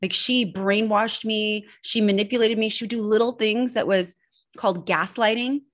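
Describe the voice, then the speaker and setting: A middle-aged woman, originally from Switzerland but raised in Northern California, is an interview guest who works as a personal branding expert. She tells her life story earnestly and confessionally. Her mid-range voice keeps a fairly even intonation at a normal speed.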